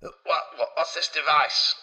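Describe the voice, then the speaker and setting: A man's voice: a little high, moderate pace, pushed and bright, low-quality recording. A man voicing a coarse, boastful male Renaissance sculptor, rambling crudely. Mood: startled.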